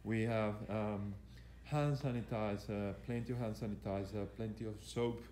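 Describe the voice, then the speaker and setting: A man whose lowish, warm voice stays steady and moderately paced works as a fitness coach, describing exercises live as they're performed. He hesitates and repeats things as he instructs. He shoots on his own handheld camera inside a gym, and the audio has echo and faint background noise.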